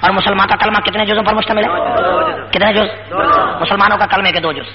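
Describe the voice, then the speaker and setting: A man giving an impassioned rally speech at a public gathering, full of repetition, shouted rhetorical questions and call-and-response. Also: high-pitched, steady tone, over a noisy crowd. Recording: lo-fi with faint hum.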